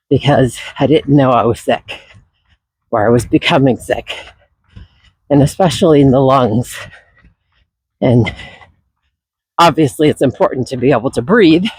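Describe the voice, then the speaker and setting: A man talking casually and reflectively while out running, his voice breathy and still husky from a recent illness, with sighs and pauses. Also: mid-range voice, darkish tone, no room sound, rough recording. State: voice not fully recovered from illness, husky. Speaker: running vlogger. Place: outdoors on a trail.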